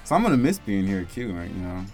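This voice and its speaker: A man's voice: low voice, very animated, fast, darkish tone, faint music behind. A man in his thirties chatting casually with friends, laid-back and joking, laughing often. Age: 30s. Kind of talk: casual chat among friends.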